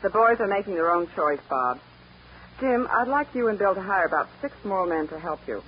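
An actress playing a brisk, earnest young Eastern woman who has taken charge of her ranch, in 1940s radio acting. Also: mid-range voice, expressive, natural voice. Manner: firm, decisive, earnest. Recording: dull old radio broadcast with faint hiss.

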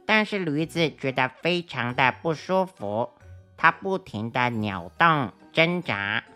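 A woman narrating a children's story in a gentle, expressive way. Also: extremely low pitch.

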